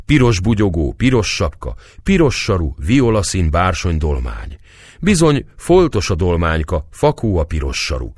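A man reading a novel aloud as a measured, expressive audiobook narrator. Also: low-pitched, husky, no room sound.

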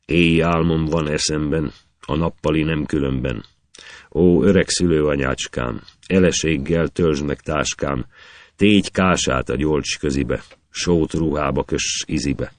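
A proud young warrior hero of an old epic, bragging in rhythmic verse as a man reads him aloud. The voice sits extremely low and is recorded dry and close, with no room around it. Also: dry recording. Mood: boastful.

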